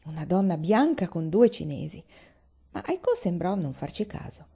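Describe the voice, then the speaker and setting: A woman narrates a novel in a measured, expressive reading. Her voice is mellow and warm. The recording is slightly muffled. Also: on the low side, husky. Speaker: audiobook reader. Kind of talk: literary audiobook narration.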